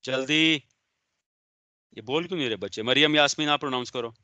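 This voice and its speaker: Sarcastic, bright-voiced male law lecturer. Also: mid-range voice, brisk, smooth, no echo. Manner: stern, sarcastic, calls on students by name. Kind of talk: online lecture, scolding and explaining.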